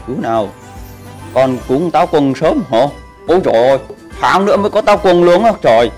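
A male game streamer chats casually with his viewers, cracking crude jokes in a slightly high, animated, somewhat mellow voice at a slightly fast pace. Faint music runs in the background of this live-stream chat.

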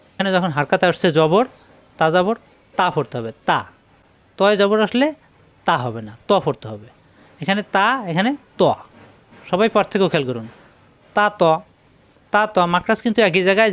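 Male Quran teacher with a Bangladeshi Bengali accent, high voice, patient syllable-by-syllable drills, dry close-miked sound. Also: smooth, no room sound. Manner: repeats Arabic letter sounds in drills, explains mouth positions. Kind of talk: slow drilled pronunciation lesson.

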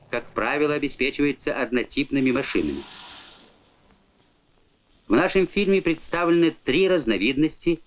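A man reading formal, instructional scripted narration in the manner of a 1980s Soviet military training film. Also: medium pitch. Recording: old film soundtrack.

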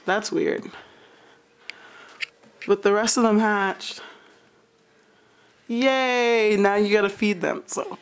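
A woman's voice: mid-range voice, drawn-out words, pauses often. A young woman filming a home video with her sister, chatting casually and playing at being a mock-serious parent. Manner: playful, mock-serious, laughs often. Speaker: student filming a home documentary. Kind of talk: casual home-video chat with mock-dramatic role-play. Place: home room. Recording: echoey room.

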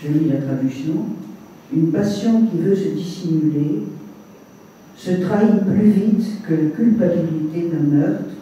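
A man, the author, reads his literary text aloud at a public evening, in a measured way with brief asides, recorded from a distance in an echoey hall. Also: a little high, warm tone, dull audio, slight background noise. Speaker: author reading his book. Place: reception hall with audience. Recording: echoey room, mic at a distance.

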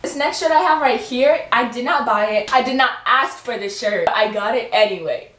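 Young woman, high voice, chatty, giggly, stumbles on words, roomy bedroom sound. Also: moderate pace, a bit bright. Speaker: vlogger. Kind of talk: casual try-on haul chat.

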